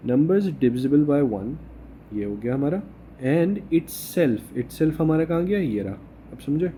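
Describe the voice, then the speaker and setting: This math teacher has a fairly high, mellow voice and is very animated, though he takes things slowly. He explains each step in mixed Hindi and English, frequently asking "okay?" to confirm students follow. There's faint background noise.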